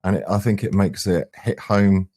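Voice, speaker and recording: A man from England, the singer and guitarist of a band, chats earnestly and enthusiastically as a guest in a casual interview. His voice is low and mellow, with fairly even intonation and a moderate pace.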